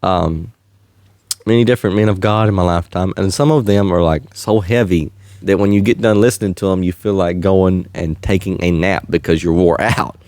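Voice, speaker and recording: A man hosts a faith-based podcast, chatting casually in an earnest, slightly preachy way and chuckling often. His voice is low and steady, with a darkish tone and a moderate pace, and the recording is dry.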